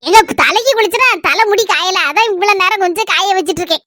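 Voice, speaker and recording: A woman's voice: very high voice, quick pace, bright, forceful tone, no echo, studio quality. A woman with a Kanyakumari Tamil accent playing a harried housewife who rants in long grumbling runs in a family comedy skit. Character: harried housewife and mother, complaining.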